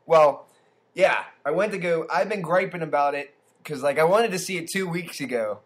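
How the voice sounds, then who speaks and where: Rambling young man, slightly high voice. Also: normal speed. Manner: rambling storyteller with many fillers and restarts. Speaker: podcast co-host. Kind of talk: casual chat.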